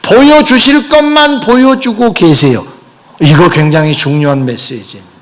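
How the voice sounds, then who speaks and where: A man preaching a sermon as pastor, animated and addressing the congregation with rhetorical questions. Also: sits high, moderate pace.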